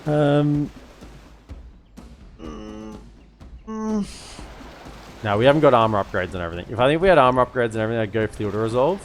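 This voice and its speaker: A man's voice: fairly low pitch, animated, rapid-fire, few pauses, a little hiss or hum. A man giving casual strategy game commentary as a streamer, thinking aloud as he goes. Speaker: gaming streamer. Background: game music.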